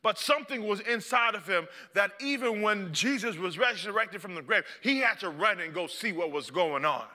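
A man's voice: high-pitched, animated, moderate pace, few pauses, sharp tone, long reverb tail. A male preacher giving a dramatic, impassioned sermon and acting out the story.

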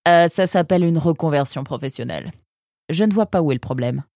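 A woman's voice: low-pitched, brisk, no room sound. Woman doing a young male storybook creature, eager, scheming, stammering, dry close sound. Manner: stammering with many "euh", excitable.

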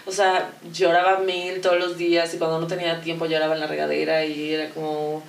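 A woman's voice: deep voice, monotone, fairly quick, gravelly, distant mic, a little hiss or hum. A woman in her thirties with a Mexican accent, telling personal stories in a candid, slangy casual conversation with plenty of swearing. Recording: echoey room, voice a bit off-mic.

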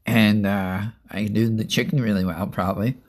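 A man's voice: lowish voice, steady tone, moderate pace. A young man rambling casually through a food review vlog, chatting and eating as he talks. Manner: rambling, chatty, eats while talking. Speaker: vlogger.

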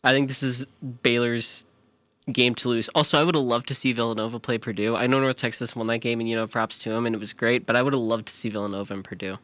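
A man's voice: medium pitch, steady tone, fast talker, no room sound. A man with a Chicago accent talks picks on a casual sports podcast, working his thoughts out as he goes and often starting sentences over. His voice is recorded dry and close, with no room sound around it. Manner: thinks out loud with restarts. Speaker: podcast co-host.

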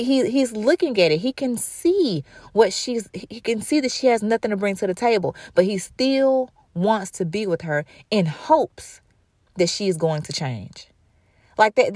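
A woman's voice: mid-range voice, a little mellow, no room sound, studio quality. A woman in her thirties hosting her own talk show, speaking candidly and emphatically, often repeating phrases for stress. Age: 30s. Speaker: show host. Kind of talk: casual monologue.

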